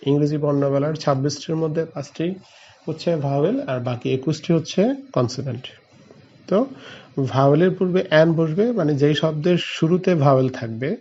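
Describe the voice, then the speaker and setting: A man's voice: on the high side, warm tone, highs cut off. A male teacher from Bangladesh explaining a grammar lesson step by step, spelling out letters and answering his own questions.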